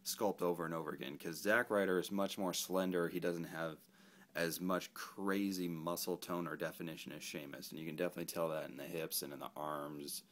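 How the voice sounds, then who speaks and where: A man's voice: sits low, steady tone, brisk, fairly bright tone. A man casually reviewing an action figure, rambling and correcting himself as he goes. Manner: rambling, self-correcting, laid-back. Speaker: toy reviewer.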